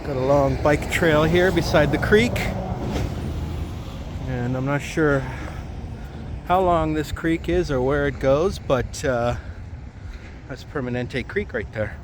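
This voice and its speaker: A man's voice: a little high, slow. A man giving a casual, easygoing walking-tour commentary, recorded outdoors as he walks. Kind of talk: casual walking vlog narration. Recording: clear outdoor traffic and ambient noise.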